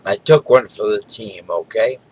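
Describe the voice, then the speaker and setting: A man's voice: fairly low pitch, normal speed, a little mellow, husky, poor audio. A tired middle-aged man talking casually in a rambling, folksy way late at night. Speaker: vlogger.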